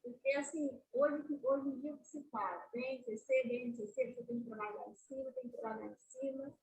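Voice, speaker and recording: A woman's voice: high voice, fairly quick. A woman teacher asking a question during a video call meeting, hesitant and searching for words. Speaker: teacher in the course. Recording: echoey distant call audio with faint hiss.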